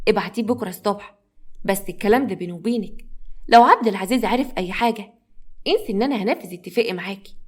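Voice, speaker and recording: A woman's voice: mid-range voice, close to an everyday voice. A woman voicing a cruel, haughty young stepmother with an Egyptian accent, speaking with sneering condescension.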